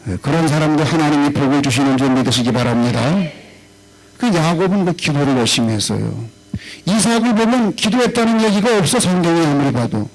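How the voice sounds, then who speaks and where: A middle-aged man with a Chungcheong accent, preaching a revival sermon in a lively way, acting out quoted voices and swinging between raised and low tones. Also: poor audio. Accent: Chungcheong Korean. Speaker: pastor. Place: church revival meeting hall.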